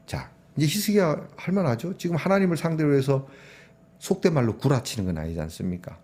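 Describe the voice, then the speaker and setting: A middle-aged man preaching a sermon in a conversational way, sometimes acting out prayers in a hushed voice. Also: on the high side, animated, a little fast. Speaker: pastor.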